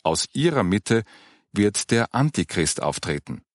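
A man voicing a patient woman who explains matters of faith, in an earnest, gentle manner. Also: fairly low pitch, big pitch swings, a little slow, no echo, clean studio sound. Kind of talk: audiobook character reading.

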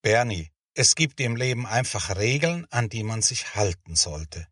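A man voicing a patient female children's teacher in a storybook reading, calm and instructive. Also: on the low side, unhurried, dry recording, studio quality.

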